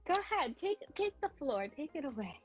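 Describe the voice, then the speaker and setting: Brief: high-voiced, husky female host, chatty and laughing, dull lo-fi livestream sound. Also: very animated, fairly quick, over music. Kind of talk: casual livestream interview. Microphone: phone livestream.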